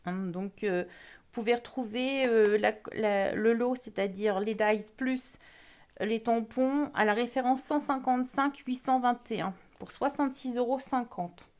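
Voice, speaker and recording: Slow-talking woman with an English accent teaching crafts. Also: on the high side, a little mellow. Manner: chatty, slow, talks while working with hands. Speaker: card-making instructor. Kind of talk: crafting tutorial.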